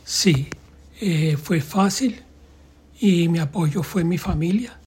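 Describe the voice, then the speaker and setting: An older man, a grandfather giving short, halting answers. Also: fairly high pitch, darkish tone, slightly rough. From Colombia. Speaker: grandfather interviewed.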